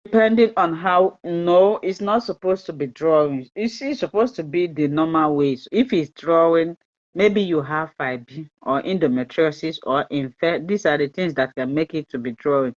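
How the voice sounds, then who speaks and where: This fertility channel host is a Nigerian woman whose native tongue is Igbo, giving live-stream advice and going through viewers' comments. She speaks in a low voice at normal pace, repeating herself, chatting freely, laughing a lot, and mixing in pidgin, all over dull, lo-fi stream audio.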